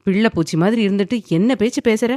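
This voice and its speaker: A woman's voice: medium pitch, quick pace, mellow, dry recording, clean studio sound, natural voice. A woman voicing a domineering, possessive young man who speaks firmly and commandingly, sometimes teasing.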